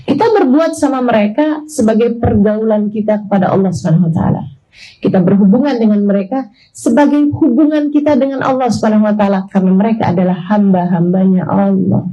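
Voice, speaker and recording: A woman's voice: mid-range voice, brisk, dark tone, muffled recording. An Indonesian woman in her forties, an Islamic preacher giving a sermon to a women's audience in a conversational way, with everyday examples and asides. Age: 40s. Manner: addresses listeners as sisters.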